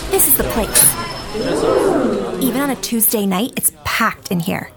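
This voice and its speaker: Actress as a gossipy journalist narrator, wry scripted delivery, slightly high voice. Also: female voice, very animated, slow, over a noisy crowd, very noisy, full character voice.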